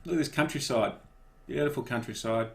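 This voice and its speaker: A man giving relaxed, casual live commentary on a cycling race and cheering riders on by name. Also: medium pitch, brisk, vocal fry.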